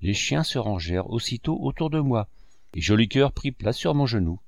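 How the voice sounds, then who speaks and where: A man narrating a classic novel in a measured storytelling manner. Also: mid-range voice, animated, creaky, no echo, studio quality. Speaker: audiobook narrator.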